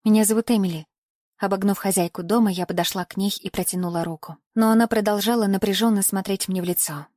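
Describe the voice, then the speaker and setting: A woman reads a mystical thriller in the first person, with a measured and even delivery. Her pitch is mid-range for a woman, and the recording is dry and close with no room sound. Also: no echo. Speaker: audiobook narrator. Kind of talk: scripted first-person narration.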